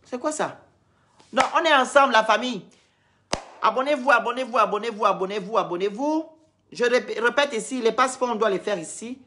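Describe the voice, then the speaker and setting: A woman's voice: on the high side, expressive, a little fast, a bit bright, slight background noise. Scolding woman streaming live. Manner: scolding, repetitive, lecturing. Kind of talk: heated live-stream rant.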